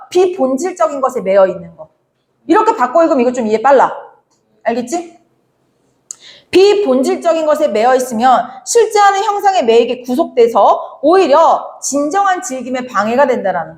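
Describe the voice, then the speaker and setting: A young woman with a high-pitched voice teaches literature to students, talking them briskly through exam questions. She keeps asking rhetorical questions and playfully acts out lines from the texts. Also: darkish tone. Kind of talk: exam problem walkthrough lecture.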